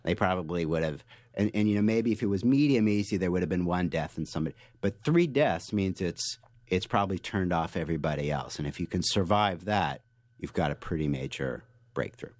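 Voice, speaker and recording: A man with a very deep voice answers interview questions. He tells stories and explains ideas with energy, often restarting his sentences. The sound is dry and close. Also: brisk, no room sound. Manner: animated explainer, frequent restarts and fillers. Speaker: author and guest.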